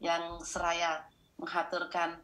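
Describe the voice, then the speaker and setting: Bright-voiced woman moderating a video call. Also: lowish voice, completely flat delivery, takes it slowly, low-quality recording. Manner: polite formal greetings. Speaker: discussion moderator.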